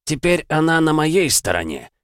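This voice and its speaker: A man's voice: fairly high pitch, big pitch swings, moderate pace, fairly bright tone, no echo, studio quality, voice pushed up. A man voicing a gloating undead demon father who sneers and taunts his son.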